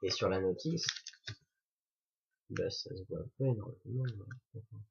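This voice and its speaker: Husky man chatting through a toy build. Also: on the low side, a little slow. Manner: chatty, jokey, self-correcting. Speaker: toy reviewer. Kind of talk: casual building commentary. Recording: dull lo-fi recording.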